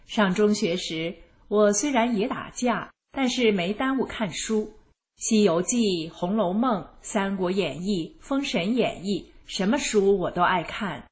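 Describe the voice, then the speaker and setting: A woman narrating her own life story in the first person, in a calm and even manner. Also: mid-range voice, unhurried. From rural China.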